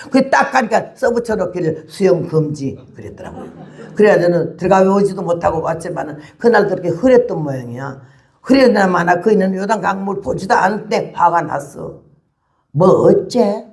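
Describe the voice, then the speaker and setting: Gravelly-voiced woman in her eighties preaching. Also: fairly low pitch. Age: 80s. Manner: animated storytelling with rhetorical questions. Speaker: missionary preacher. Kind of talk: testimony sermon.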